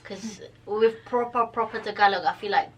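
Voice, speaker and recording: A young woman with a London accent, co-hosting a casual podcast chat, slangy and quick to laugh. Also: mid-range voice, steady tone, far from the mic, slight background noise, rough recording. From East London. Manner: chatty, slangy, laughs often. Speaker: podcast co-host.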